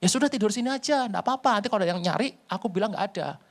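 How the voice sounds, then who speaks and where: A male preacher voicing a calm, cunning woman who reassures her guest. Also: high voice, rapid-fire. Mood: soothing. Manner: soothing, reassuring.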